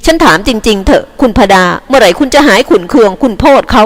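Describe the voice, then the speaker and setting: A woman's voice: fairly high pitch, expressive, quick pace. A woman voicing an irritated middle-aged husband who answers curtly and sarcastically, in an audiobook. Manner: curt, sarcastic.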